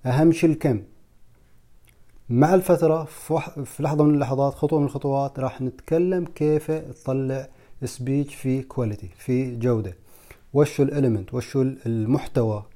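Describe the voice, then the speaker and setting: Man, rapid pace, repeats points for emphasis, casual lesson. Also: medium pitch, dark tone. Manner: repetitive, emphatic, mixes in English terms. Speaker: speaking coach.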